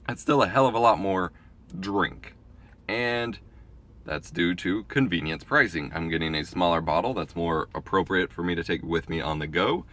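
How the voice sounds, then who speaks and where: A young man talks into his phone camera in a casual vlog, his voice a little low and stuffy from congestion. He explains his views in a chatty, opinionated way. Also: a bit bright. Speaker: vlogger. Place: gas station store and car. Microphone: phone camera, handheld or propped.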